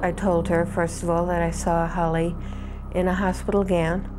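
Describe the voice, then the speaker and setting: A woman psychic in an interview, thoughtful and pausing to find her words. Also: on the low side, little pitch movement, over loud music.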